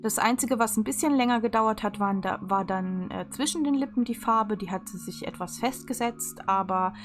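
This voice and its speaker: A woman's voice: mid-range voice, moderate pace. A woman giving a chatty, unscripted craft tutorial voice-over in a casual style. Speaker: video creator. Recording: music behind the voice. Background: instrumental music.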